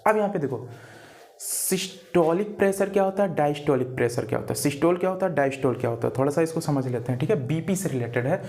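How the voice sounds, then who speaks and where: A man delivers a classroom biology lecture in a slightly higher-than-average male voice. He drills his students with rhetorical questions and repeats each key term. He spells words out letter by letter and calls them "beta". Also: expressive, fast talker, darkish tone. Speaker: teacher.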